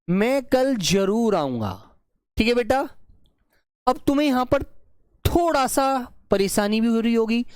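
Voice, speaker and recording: A man teaching an online grammar lesson, slowly dictating example sentences, repeating phrases and checking that his students follow. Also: high-pitched, darkish tone, no echo, clean studio sound. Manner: repeats phrases and keeps checking the class understands.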